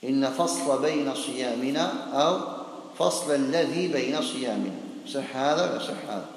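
A man gives a classical lesson as a sheikh, taking each word slowly and deliberately and checking with his students as he goes. His medium-pitched voice rings through a large hall, with a long, echoing reverb trailing every phrase. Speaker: sheikh teaching hadith. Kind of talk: classical Arabic lesson on a hadith collection. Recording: echoey hall recording.

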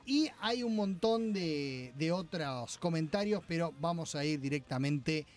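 A man with a Rioplatense Spanish accent hosts a loose, chatty radio talk show. His voice sits notably high for a man. Faint music plays behind him. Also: measured pace. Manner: relaxed, chatty, reads listener comments aloud. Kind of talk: casual radio chat.

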